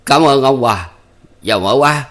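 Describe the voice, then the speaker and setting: A man's voice: normal speed, natural voice. A man doing Ba Lành, an anguished scarred peasant. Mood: subdued. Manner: strained, cries out, high and loud. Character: young scarred wounded peasant man, bitter.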